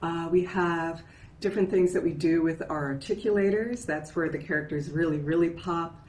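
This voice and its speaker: A woman guest who works as a voice and dialect coach explains her ideas thoughtfully and casually in a conversational interview, often checking in with "right?". Her voice is on the low side and darkish, at a moderate pace, with a little hiss or hum, and the room has a roomy echo with faint ambience.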